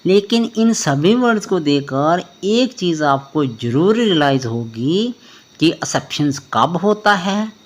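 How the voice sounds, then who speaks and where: Slow, patient man teaching pronunciation. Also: a little high, lively intonation. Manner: spells words letter by letter, keeps asking "clear?". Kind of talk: spoken classroom lesson.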